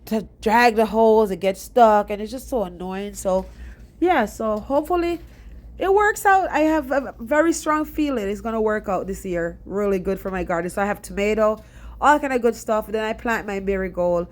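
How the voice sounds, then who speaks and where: A young Jamaican woman giving a casual, rambling voice-over about her garden, stuffy and short of breath. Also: mid-range voice. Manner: chatty, rambling and fast-talking. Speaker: DIY gardening vlogger.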